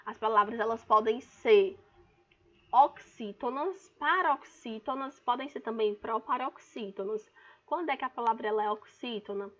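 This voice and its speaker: A woman's voice: on the high side, moderate pace, a bit bright. A woman teacher with a Brazilian Portuguese accent gives an online class, explaining patiently and calling out words to stress their syllables. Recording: dull lo-fi recording.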